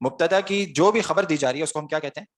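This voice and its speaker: Man teaching grammar in a question-and-answer style. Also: fairly high pitch. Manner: explains step by step, asks students questions and answers them himself. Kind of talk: online class lecture.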